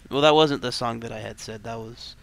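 A man's voice: medium pitch, fairly quick, creaky, slight background noise. A young man joining a podcast over a voice call, joking and playful. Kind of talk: casual chat.

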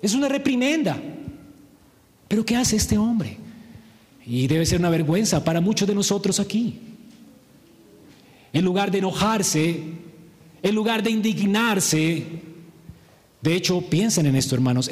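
A man preaching a sermon, emphatic, asking rhetorical questions and pausing for effect. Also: sits high, lively intonation, darkish tone, big-room sound.

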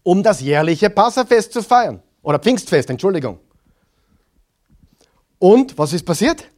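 Male pastor, higher voice, preaching, quizzes the room then answers himself, loud phrases dropping to soft asides. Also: sing-song, unhurried. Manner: asks the audience questions and answers them himself; swings between loud stressed phrases and quiet asides. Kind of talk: sermon.

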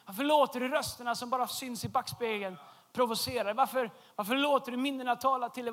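A man preaching a humorous sermon in a church, telling a story with lively shouted punchlines. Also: very high voice. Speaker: pastor. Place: large church hall.

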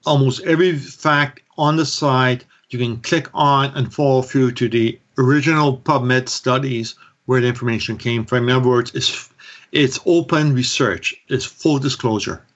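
A man, a podcast guest, explaining his free microbiome website in earnest detail with frequent "um"s, heard over a low-quality remote audio stream. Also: normal speed. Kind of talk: explaining in an interview. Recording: muffled lo-fi remote call audio.

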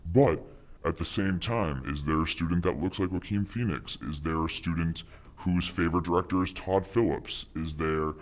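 An anonymous man interviewed with his voice electronically distorted to sound very deep, giving smug, conspiratorial advice. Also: moderate pace. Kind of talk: mock interview.

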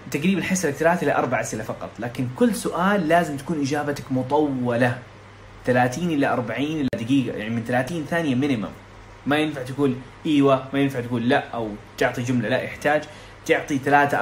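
A young man from Saudi Arabia, tutoring casually for an exam, talking quickly and chattily with frequent restarts and English terms mixed in. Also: mid-range voice, slight background noise. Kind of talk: casual explanatory lesson.

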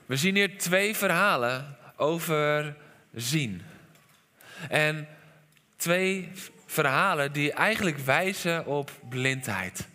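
A Dutch man preaching a sermon as pastor, animated, dropping to quiet lines and sometimes shouting. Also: fairly high pitch, slow pace. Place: church hall. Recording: long reverb of a church hall.

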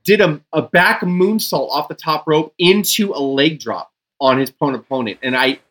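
A man's voice: fairly high pitch, normal speed, fairly bright tone. A man hosting a podcast, chatting casually with emphatic, rambling, profanity-laced enthusiasm. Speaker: wrestling podcast host. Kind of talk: casual chat.

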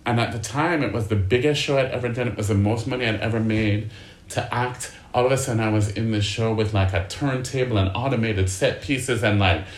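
Chatty middle-aged man, low voice, roomy sound. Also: a little fast. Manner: chatty, many filler likes; animated when acting out quoted people. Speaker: actor guest. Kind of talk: casual storytelling interview. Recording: roomy echo.

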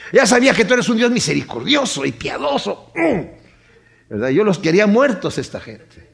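A man's voice: high voice, big pitch swings, moderate pace, gravelly, fairly bright tone, pitched above the performer's own voice, exaggerated voice. A man voicing a sulky, complaining prophet within a sermon. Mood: grudging. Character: sulky grudging male prophet Jonah.

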